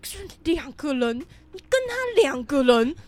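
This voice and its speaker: Woman mimicking a shrill, snooty old grandmother. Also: sing-song, unhurried, dry recording, soft background music. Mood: scandalized. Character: snobbish scandalized old grandmother.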